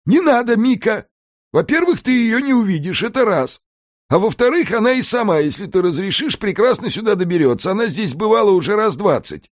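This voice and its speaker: A man voicing an excitable, scheming male house brownie in an audiobook, brash and wheedling. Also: high-pitched, no room sound, studio quality, voice pushed up. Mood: indignant. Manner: fast-talking, brash, wheedling. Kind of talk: audiobook character voice.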